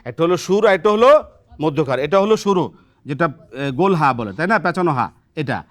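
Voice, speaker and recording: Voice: medium pitch, lively intonation, normal speed. A Quran teacher on a television lesson, patiently quizzing students on letter pronunciation and often ending a point with a questioning "right?". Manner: patient and encouraging. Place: television studio.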